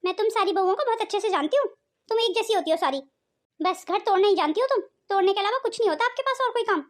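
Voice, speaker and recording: A woman's voice: extremely high pitch, lively intonation, fast talker. A woman voicing a hot-tempered married daughter in a cartoon family drama, accusing and bossy in her manner. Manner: accusing, sharp-tongued, bossy.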